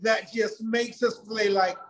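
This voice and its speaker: A middle-aged man telling his own story in a casual interview, lively and acting out quoted dialogue. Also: sits high, slow, rough recording. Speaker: guest.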